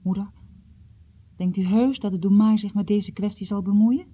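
An earnest, troubled schoolboy from a storybook pleads and stammers in a lifted, higher voice, as a woman reads him. The tone stays dark and husky underneath. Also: steady tone, normal speed, lightly acted. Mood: pleading.

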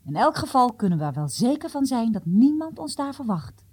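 A storyteller voicing a calm, cautious companion who murmurs his plans. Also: medium pitch, brisk, husky, voice pushed up.

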